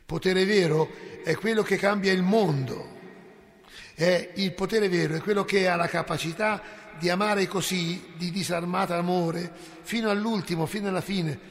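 A priest delivers an impassioned sermon in a fairly high, gravelly voice, dropping to near whispers and then rising to ringing cries. His words hang in the long reverb of a church. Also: fairly even intonation, normal speed. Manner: impassioned, rhetorical, swings between hushed and loud.

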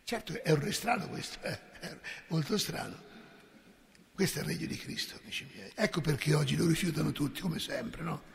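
A man preaching a sermon, impassioned and rhetorical, swinging between hushed asides and loud exclamations. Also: fairly high pitch, animated, a little fast, vocal fry, in a large hall. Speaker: priest.

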